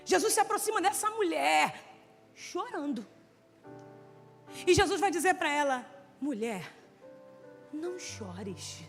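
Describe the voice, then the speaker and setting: A woman preaches in a very high, bright voice that swings from shouted calls to soft, quiet asides. Her sermon rings through a church hall with a long reverb tail. Faint music plays underneath. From Brazil. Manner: swings between loud shouted exhortation and soft quiet talk.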